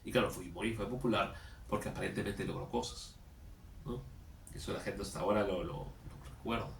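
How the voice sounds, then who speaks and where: Man, tired, low voice, conversational with tag questions, echoey room, faint noise. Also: fairly even intonation, fairly quick, gravelly, far from the mic. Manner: conversational, tags phrases with "¿no?", repeats words. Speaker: host of a commentary channel. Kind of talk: casual political commentary and reading a news article.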